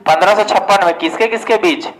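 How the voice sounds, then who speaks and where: Fast and a bit bright, the man's voice sits high on a rough recording. As an exam coaching teacher, he runs a casual exam-prep history lesson, answering the questions he raises and repeatedly saying "ठीक है".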